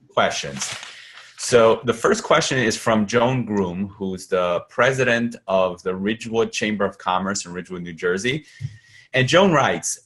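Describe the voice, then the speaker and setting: A man's voice: on the low side, lively intonation, moderate pace, fairly bright tone. A man hosting an interview, asking questions in a friendly, conversational way. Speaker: interview host.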